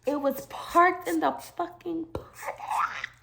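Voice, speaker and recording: A young adult woman telling a casual storytime to her viewers, animated and emotional, swearing and calling them y'all. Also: very high voice, slow, vocal fry. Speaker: beauty vlogger telling a storytime.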